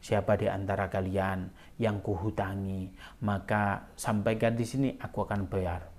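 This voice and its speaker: A male preacher voicing a calm, humble elder man who speaks softly and low. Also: moderate pace, lightly acted.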